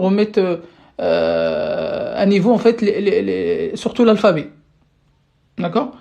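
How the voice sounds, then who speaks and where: A creaky, warm, medium-pitched voice belongs to a language teacher streaming a lesson live. The teacher explains things patiently step by step, checks in with viewers, and often restarts and repeats words. Roomy audio comes from a mic placed away from the speaker.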